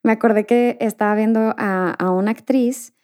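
Mexican lady hosting a podcast, mellow voice, laid back, lots of "como que". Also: medium pitch, moderate pace. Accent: Mexican Spanish. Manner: relaxed, chatty, laughs often, many fillers like "como que". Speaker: podcast host. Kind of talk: casual interview chat.

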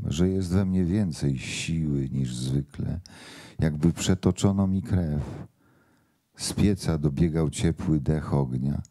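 A man reads a passage from a novel aloud at a book launch. His delivery is measured and expressive. His voice is very deep and dark, and he reads slowly. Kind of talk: literary reading.

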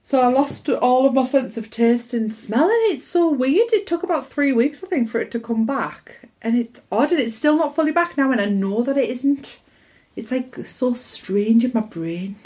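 A British woman co-hosting a podcast with casual, animated, teasing banter and quick interjections. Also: sits high. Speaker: podcast co-host.

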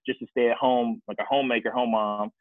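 A Kansas City, Missouri man talks fast in a steady, medium-pitched voice, casually recounting his life story as a podcast guest and restarting his sentences often. The sound is dry and tinny, like a phone line, with no echo.

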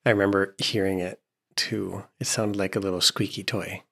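Very deep-voiced man chatting with his child. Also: level tone, moderate pace, gravelly. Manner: gently prompting questions, playful. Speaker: parent talking with his child. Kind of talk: casual family chat.

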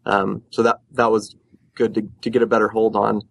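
A man in his thirties calling in over the phone to a podcast discussion, talking in a halting way with many fillers and restarts. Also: lowish voice, flat delivery, vocal fry, dry recording. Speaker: caller.

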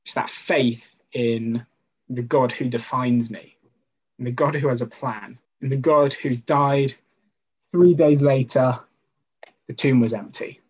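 A man's voice: medium pitch, takes it slowly, darkish tone, breathy edge, rough recording. A man giving an informal sermon to a youth group, talking conversationally with personal stories and rhetorical questions.

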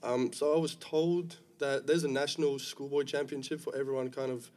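A young man from Africa speaks. He answers questions in a relaxed, easygoing way, with his pitch held level and unvaried. He sounds calm and unhurried. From South Africa. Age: young adult. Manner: relaxed, easygoing, many fillers. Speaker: guest rugby player. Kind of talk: casual interview chat.

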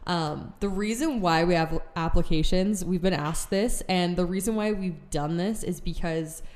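A young woman hosts a casual podcast, gushing and upbeat with plenty of filler words. Her voice sits a little low. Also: normal speed, a little mellow. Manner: bubbly, gushing, lots of ums and likes. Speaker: podcast host.

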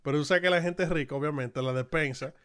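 A man with a Dominican Spanish accent and a slightly high voice chats casually as a podcast co-host. He tells his stories in an animated, slangy way. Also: brisk, crowd noise. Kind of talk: casual chat.

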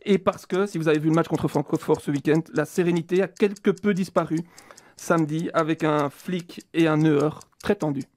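A man arguing a football debate as a pundit, reeling off statistics in quick succession. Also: on the high side, fairly even intonation, darkish tone. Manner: rapid-fire stats delivery. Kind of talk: argument in a debate.

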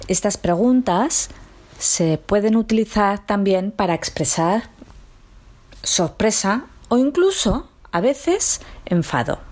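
A woman with a Spain accent teaching a patient radio language lesson and explaining slowly with examples. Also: mid-range voice, darkish tone. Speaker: Spanish teacher and radio host.

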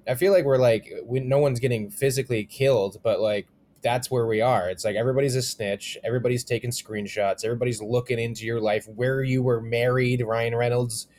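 Brief: young male comedian, podcast co-host, mid-range voice, animated storyteller with a foul mouth. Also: medium pitch, a little fast, slight background noise. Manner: animated storytelling, swears often. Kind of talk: casual chat.

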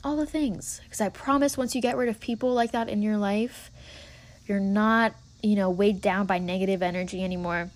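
A woman's voice: mid-range voice, steady tone, moderate pace. A woman in her twenties hosting a casual solo podcast, talking earnestly and encouragingly with lots of filler words. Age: 20s. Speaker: podcast host.

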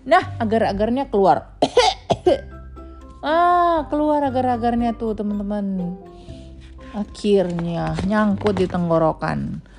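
A woman's voice: mid-range voice, slow, long pauses, darkish tone, soft background music. A mother reading a children's storybook aloud to her child, adding playful asides as she goes.

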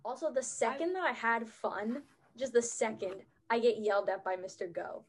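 A teenage girl casually recounting school memories to friends, animated when retelling. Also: on the high side, moderate pace. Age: teens. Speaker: student in group chat. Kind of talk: casual chat.

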